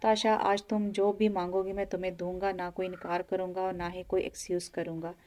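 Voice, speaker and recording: A stern young husband who snaps curtly when pressed, as a woman reads him. The voice stays mellow and level. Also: lowish voice, little pitch movement, fairly quick, natural voice. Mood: overjoyed. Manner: curt, irritated.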